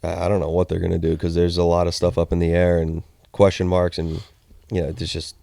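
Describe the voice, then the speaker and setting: A man with a very deep voice gives blunt, matter-of-fact takes on college sports. He is heard close and dry, like a host at the table. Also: completely flat delivery, a little fast, creaky, warm tone, dry recording. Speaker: podcast co-host. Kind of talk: casual sports talk.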